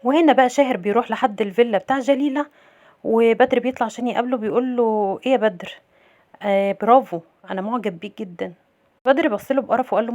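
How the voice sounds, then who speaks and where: A woman with an Egyptian accent casually recapping a drama episode, retelling each scene and quoting the dialogue in an even voice. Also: a little high. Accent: Egyptian Arabic. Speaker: series recap narrator.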